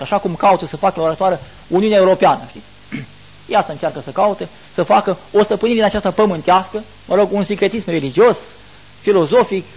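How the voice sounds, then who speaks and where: A man's voice: sits high, husky. A middle-aged man preaching a sermon to the faithful in an earnest, explanatory way, asking rhetorical questions and answering them.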